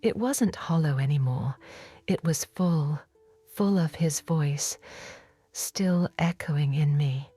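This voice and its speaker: A woman voicing a repentant, forgiven woman of biblical times in a whispered role-play, telling her story in a hushed, reverent, intimate first person. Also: deep voice, takes it slowly, husky, soft background music, full character voice. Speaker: audiobook narrator.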